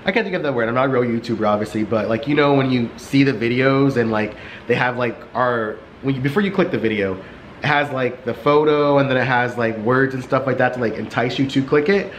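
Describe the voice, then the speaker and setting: Monotone young man rambling on camera. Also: medium pitch, brisk, a little hiss or hum, poor audio. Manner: rambling, many "like" fillers. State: short of breath. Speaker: vlogger. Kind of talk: casual vlog chat. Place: warm sunlit apartment living room. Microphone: camera resting on a couch.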